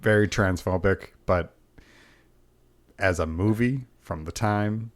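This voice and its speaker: A man's voice: lowish voice, slow. A man co-hosting a podcast in a laid-back, wry, chatty way. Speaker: podcast co-host. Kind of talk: casual chat.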